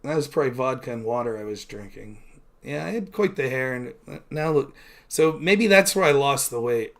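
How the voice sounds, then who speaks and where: In a casual solo stream, a man in his 30s wanders from topic to topic, heavy on fillers and quick to make fun of himself. His mid-range voice has lively intonation and a moderate pace.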